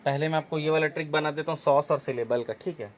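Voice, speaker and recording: A man's voice: a little high, quick pace, a little hiss or hum, low-quality recording. Repetitive Hindi exam-prep teacher man. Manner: explains step by step, often repeating and checking with "okay".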